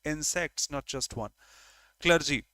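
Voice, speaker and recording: Teaching grammar online, this man, a native Hindi speaker with an Indian English accent, breaks every point into steps and says key words again for his learners. He speaks slowly in a slightly higher-than-average male voice that is bright, forceful, dry and close, with no echo.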